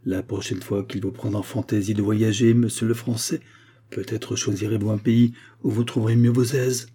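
A man's voice: mid-range voice, moderate pace, warm tone, voice pushed up, natural voice. A man reading a sarcastic domineering Russian major. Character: harsh proud male Russian major.

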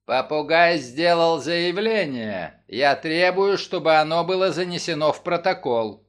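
A man's voice: fairly high pitch, animated, a little slow, a bit bright. Male reader doing a dramatic prosecutor, declaiming, insistent, audiobook.

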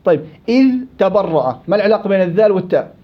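A man leads a classroom tajweed lesson, firing quick questions at his students. His voice sits high and his words come fast. The recording is dull and lo-fi. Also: expressive. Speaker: Quran recitation teacher.

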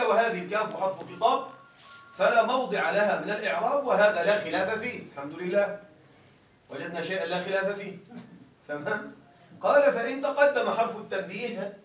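A man's voice: sits high, a bit bright, reverberant, far from the mic, low-quality recording. A male teacher gives a grammar lecture. He reads a classical text aloud, explains it, and keeps checking that his listeners follow.

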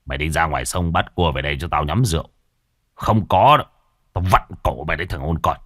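A man's voice: very deep voice, quick pace, fairly bright tone, dry recording, studio quality. A man playing a snarling drunk brute of a husband. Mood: raging. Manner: snarling, coarse and threatening. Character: drunk, violent, cursing middle-aged husband.

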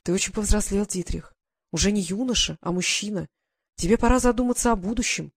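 A woman reading an audiobook, voicing a fond, worried widowed baroness questioning her grown son in a gentle, motherly way. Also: mid-range voice, a little fast, husky, no echo. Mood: tender.

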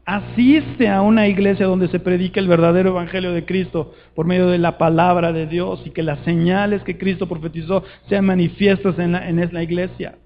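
A man preaching a sermon to a conference, urgent and fervent, swinging between loud appeals and hushed words. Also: high voice, steady tone, brisk, few pauses, lo-fi sound, a little hiss or hum.

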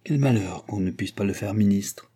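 A man reading aloud and voicing a sad, sharp-witted queen who speaks in a cool, pointed way. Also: fairly low pitch, normal speed, slightly rough.

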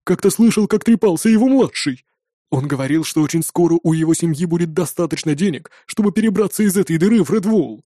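A man's voice: on the high side, animated, quick pace, mellow, dry recording, studio quality. A man voicing Korg, a bitter, vengeful young male thrall who speaks urgently and insistently. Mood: informative.

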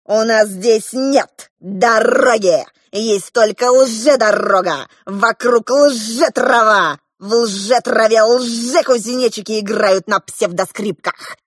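A woman's voice: a little high, no echo, studio quality. A woman voicing a cruel, grey-haired male fake clown who shrieks, whines and mocks in a theatrical way.

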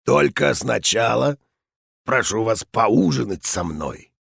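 A man voicing a gruff old veteran general in an audiobook, hoarse and blustering. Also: mid-range voice, expressive, takes it slowly, dry recording, studio quality, full character voice. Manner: blustering, shouting. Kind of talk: audiobook character voice.

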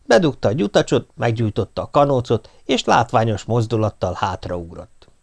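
Gravelly man narrating an audiobook. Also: mid-range voice, big pitch swings. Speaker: audiobook reader. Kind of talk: first-person audiobook narration.

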